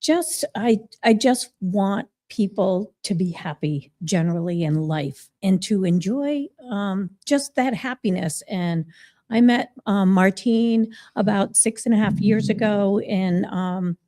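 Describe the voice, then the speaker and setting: A woman from Massachusetts, a business owner, talking in a radio interview in a friendly, slightly halting way. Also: medium pitch. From Massachusetts, USA. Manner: warm, friendly, a little halting. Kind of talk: casual interview.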